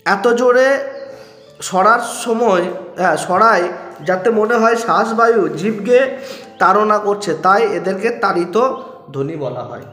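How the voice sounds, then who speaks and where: A high-pitched male teacher speaks patiently, breaking the lesson into small steps and sounding out letters one at a time. The room rings with a long, echoey reverb, and soft music hums faintly underneath. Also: a little slow, pauses often. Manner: patient, explains step by step, sounds out letters for the students. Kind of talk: recorded grammar lesson.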